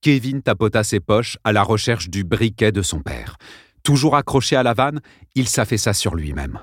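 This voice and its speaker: A man reads a suspense novel aloud in a dramatic style. His voice is low and his inflection is lively. The recording is dry and close, with no room sound. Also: normal speed, no echo. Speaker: narrator. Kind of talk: audiobook narration.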